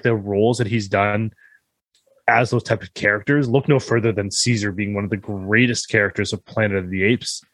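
A man's voice: fairly low pitch, fairly bright tone, no echo. A man chatting casually on a podcast, enthusiastic and peppering his talk with "like". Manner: enthusiastic, uses "like" a lot. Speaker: podcast co-host. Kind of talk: casual chat among friends.

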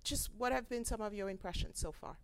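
Lady reverend hosting a podcast, smooth clear voice, gracious and welcoming. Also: medium pitch, brisk, dry recording. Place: conference center.

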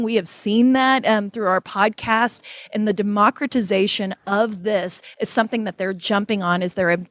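A woman's voice: mid-range voice, no echo. A woman with an Oklahoma accent co-hosting a podcast in a conversational, enthusiastic and folksy way. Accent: Oklahoma (Okie). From Oklahoma, United States. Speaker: podcast co-host.

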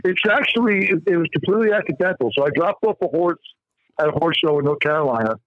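Male caller, quick rambling talker, dry muffled phone line. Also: a little high, animated, dry recording. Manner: rambling, restarts often. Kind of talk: casual phone-in storytelling.

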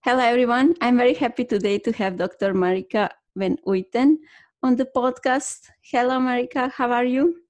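A woman's voice: a little high, normal speed, a little mellow. A woman hosting a podcast, politely reading out scripted questions to her guest. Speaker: podcast host. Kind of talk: interview hosting.

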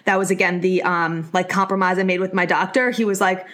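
A woman's voice: fairly low pitch, steady tone, brisk, a bit bright. Chatty young woman giving casual podcast advice. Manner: chatty, informal, explanatory. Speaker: podcast host.

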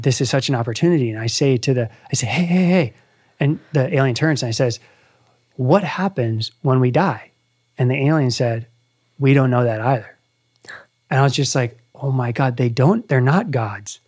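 A man's voice: medium pitch, moderate pace, a little mellow, slightly rough. A man in his thirties, hosting a casual conversation and telling an earnest story with animation. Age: 30s. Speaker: podcast host.

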